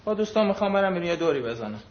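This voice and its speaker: A man's voice: sits high, big pitch swings, roomy sound, highs cut off. An actor playing a sulky young son who grumbles and is fed up with his family. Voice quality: sullen, grumbling. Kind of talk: comedy film acting.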